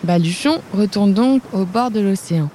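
A woman reading a children's story aloud as storyteller, clear and unhurried. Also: mid-range voice, lively intonation, background noise.

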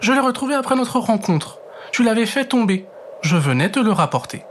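A man's voice: high-pitched, very animated, a little fast, a little hiss or hum, voice pushed up. A man doing a shy little hedgehog. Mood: shy, kind. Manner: soft, hesitant, stammering. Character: small shy hedgehog friend, kind, scared of night. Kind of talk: storybook read-aloud.

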